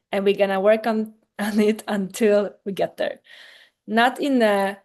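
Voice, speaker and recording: Energetic woman coaching a live workshop. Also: mid-range voice. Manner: energetic, enthusiastic, talks straight to participants. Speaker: business coach hosting a workshop. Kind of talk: live online workshop, answering chat questions.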